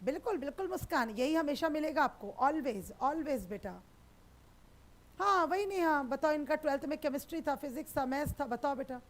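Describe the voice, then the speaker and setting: A woman teaching sociology, chatting with students in a live online class and reassuring them warmly. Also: sits high, expressive, moderate pace. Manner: affectionate, reassuring, calls students beta.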